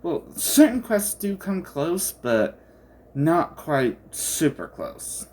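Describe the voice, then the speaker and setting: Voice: medium pitch, sing-song, slow, darkish tone. A game commentator chatting casually and hesitantly about a game, rambling and often trailing off mid-thought.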